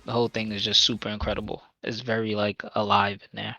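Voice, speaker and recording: A man's voice: lowish voice, level tone, fast talker, creaky, bright, forceful tone, no room sound, soft background music. A man gushing enthusiastically in a casual roundtable chat.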